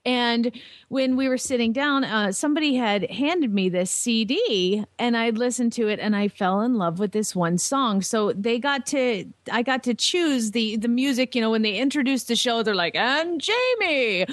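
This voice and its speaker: A woman's voice: a little high, expressive, moderate pace, no room sound, studio quality. A woman from Atlanta, telling family stories and laughing easily as a radio guest. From Atlanta, Georgia. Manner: laughing, chatty storyteller. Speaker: radio guest, former country DJ. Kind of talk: casual radio chat.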